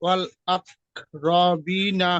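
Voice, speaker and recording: A man's voice: high-pitched, level tone, a bit bright, dry recording. A male student in an online class, spelling out a Quran reading letter by letter over a network call that keeps breaking up. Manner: slow, halting letter-by-letter reading. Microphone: phone or computer on a video call. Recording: muffled, distant internet call audio.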